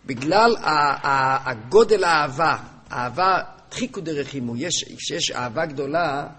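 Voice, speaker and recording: A man giving a religious text-study lesson. He reads passages aloud in a chanting rhythm, then explains them with rhetorical questions, often halting and repeating words. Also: a little high, animated, bright, forceful tone, slightly rough. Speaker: religious teacher.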